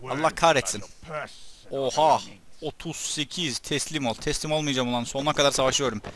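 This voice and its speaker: A young man giving casual commentary over his gameplay, chatting to his troops and breaking into loud excited shouts during fights. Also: medium pitch, fairly quick, a crowd in the background. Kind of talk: let's play commentary.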